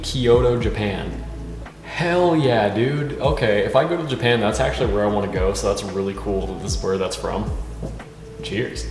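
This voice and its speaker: Giggly drunk man, low-voiced, in a reverberant room. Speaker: host of a drunk cooking video. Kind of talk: casual cooking vlog chat. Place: indoors in a kitchen. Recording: reverberant room, music behind.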